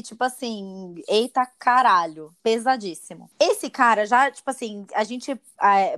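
A young woman, a podcast host telling a dating story in casual, slangy chat. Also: a little high. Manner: animated storytelling, slangy and profane.

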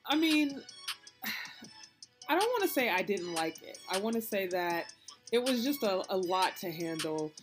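A woman's voice: medium pitch, expressive, normal speed, long pauses. Laid-back woman co-host over music. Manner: laid-back, hesitant, sighing. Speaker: podcast co-host. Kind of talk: casual chat, movie review.

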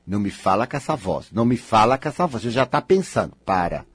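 Husky, teasing Brazilian counselor. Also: male voice, lowish voice, sing-song, fast, no room sound. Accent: Brazilian Portuguese. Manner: teasing, emphatic, coaxing. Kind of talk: live counseling session with a participant.

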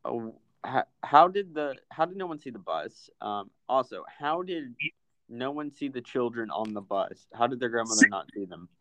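A man's voice: medium pitch, animated, moderate pace, fairly bright tone, dry recording, muffled recording. A man co-hosting a podcast who chats casually and hesitantly, with frequent "um" fillers. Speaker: podcast co-host. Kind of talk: casual chat.

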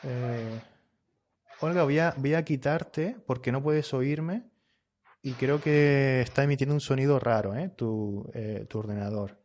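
A man teaching an online group language lesson, with a voice that sits at an ordinary middle pitch. He talks slowly and patiently, repeating and correcting his students' answers. The sound is plain video-call audio. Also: steady tone, a little mellow. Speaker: Spanish teacher.

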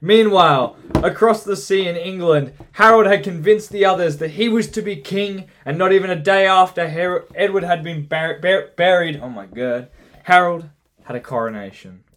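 A man's voice: high-pitched, moderate pace, a bit bright. Playful man narrating history. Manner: playful and teasing, with stumbles. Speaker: narrator and host. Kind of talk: comedic history storytelling.

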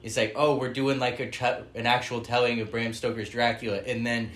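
A man co-hosting a casual movie commentary podcast, talking in a swearing, animated, mocking way. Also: mid-range voice, fairly quick, roomy sound. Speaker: podcast co-host.

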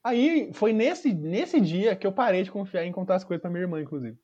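A man's voice: high-pitched, animated, fairly quick, warm tone, husky, highs cut off. A man telling a funny personal story in casual, slangy chat, swearing freely and acting out the people in it. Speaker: podcast storyteller.

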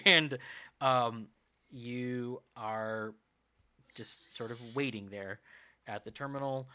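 A man running a tabletop role-playing game, narrating the scene in a loose, rambling way full of ums and uhs. His voice is bright and forward, in a middle pitch. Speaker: game master.

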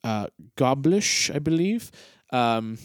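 Tabletop player, fussy and hesitant, very animated pitch, dry close mic. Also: male voice, slow pace, dry recording. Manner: fussy, hesitant, with many fillers. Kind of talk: in-character tabletop play.

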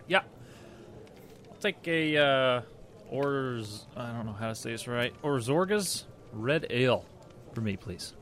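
A man's voice: mid-range voice, animated, measured pace, fairly bright tone. A man co-hosting a podcast in casual, easygoing banter with light role-play. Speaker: podcast co-host. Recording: faint background ambient noise.

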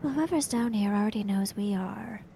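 A woman's voice: mid-range voice, normal speed, warm tone, a little hiss or hum. A woman playing a tabletop game in character, with a dry, sardonic manner. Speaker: player.

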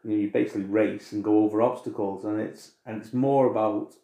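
A man's voice: fairly low pitch, steady tone, brisk, dark tone, echoey room. An English man co-hosting a podcast in casual, informal chat, swearing now and then. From England. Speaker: podcast co-host.

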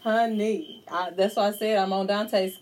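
A woman's voice: mid-range voice, fairly even intonation, measured pace, crowd noise. A woman with an Oklahoma accent chatting casually and playfully as a podcast host, outdoors on a porch at night with crickets. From Oklahoma City, USA. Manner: folksy, playful exaggeration. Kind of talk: casual chat among friends. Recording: outdoor night ambience, clear background noise.

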